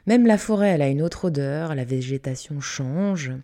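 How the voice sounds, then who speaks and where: A woman's voice: sits low, expressive, moderate pace, dark tone. A woman from Canada hosting her own reflective podcast, talking candidly and casually with fillers and the odd swear. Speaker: podcast host. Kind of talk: unedited reflective podcast monologue.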